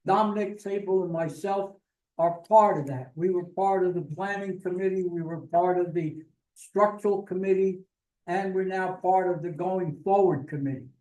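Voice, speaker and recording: A man with an American accent delivers a vice commander's report, halting now and then with fillers. His voice sits high but mellow in tone. He is picked up from far off in an echoey meeting hall.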